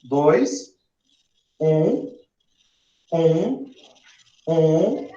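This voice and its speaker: Speaking very slowly, with a warm tone, lively intonation, and a slightly high voice, a male chemistry teacher lectures his class. He poses questions and spells out syllables as he counts aloud, recorded in a dull, roomy classroom.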